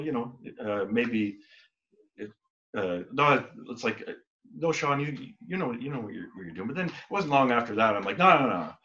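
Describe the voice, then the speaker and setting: A man's voice: medium pitch, fairly bright tone. Rambling man with a dull lo-fi sound. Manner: rambling, many restarts, acts out quoted exchanges. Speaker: band member. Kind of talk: casual interview talk. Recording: dull lo-fi recording.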